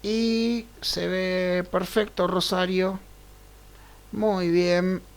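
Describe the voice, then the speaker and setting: An unhurried male teacher leading a live online programming lesson, with a gravelly, creaky texture to his voice. He talks through each step as he goes and keeps checking in with his class. His pacing is deliberate and slow. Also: high voice, little pitch movement. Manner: unhurried, checks in with frequent "right?" tags. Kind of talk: live online class, thinking aloud over screen share.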